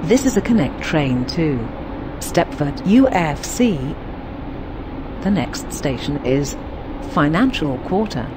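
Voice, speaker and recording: A voice playing an automated on-board train announcer, giving formal subway-style announcements in measured, segmented phrases. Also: mid-range voice, very animated. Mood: calm, formal. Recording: noisy train carriage ambience. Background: train and vehicle noise.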